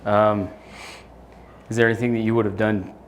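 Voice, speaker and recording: Guy interviewing someone on stage, fairly low voice, chatty, keeps going "right?". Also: flat delivery, normal speed, a little hiss or hum. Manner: conversational, prompting with "right?". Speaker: interviewer, host.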